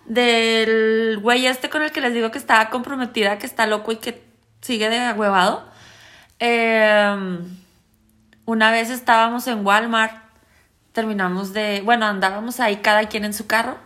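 A woman's voice: on the high side, moderate pace. A woman with a Mexican accent, co-hosting a podcast and telling a story in slangy casual chat, laughing as she goes. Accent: Mexican Spanish. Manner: slangy, animated, laughs while telling stories. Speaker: podcast co-host.

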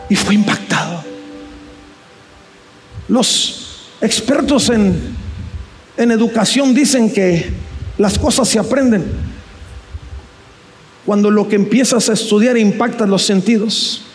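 A man's voice: high voice, takes it slowly, long pauses. A man preaching a sermon with passion, asking rhetorical questions and repeating key phrases. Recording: faint music behind.

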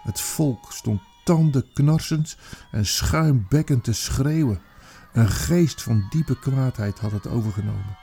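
Dark gravelly man, intense dramatic monologue. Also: mid-range voice, soft background music. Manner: intense, emphatic, with slow deliberate pauses. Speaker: narrator.

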